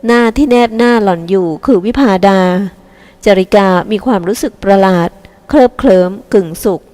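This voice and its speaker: A woman reading a novel aloud in a calm, steady storytelling voice. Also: medium pitch, normal speed, big-room sound. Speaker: audiobook reader. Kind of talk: scripted narration.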